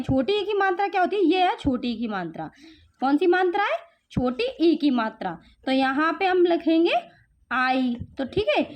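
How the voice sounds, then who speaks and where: A woman from India leads a phonics lesson for a young learner. Her voice sits very high, and she takes each sound slowly, quizzing and repeating with steady patience. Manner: slow, patient drilling with repeated questions. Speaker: teacher. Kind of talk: home phonics lesson for parents.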